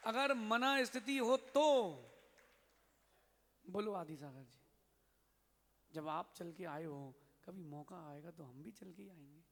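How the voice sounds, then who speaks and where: A man, a Jain monk, giving a sermon and telling a story in a lively way, acting out the characters' lines. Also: fairly high pitch, a little slow, gravelly. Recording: long hall reverb.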